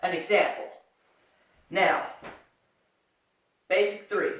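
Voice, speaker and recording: Slow, echoey karate instructor giving sharp commands. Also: mid-range voice, fairly even intonation. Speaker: martial arts instructor. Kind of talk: step-by-step karate demonstration lesson. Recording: echoey room, far from the mic.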